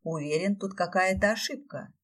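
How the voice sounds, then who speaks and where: A woman voicing a calm, tender young prince who speaks reassuringly, heard from a slightly distant mic. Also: mid-range voice, moderate pace, close to an everyday voice.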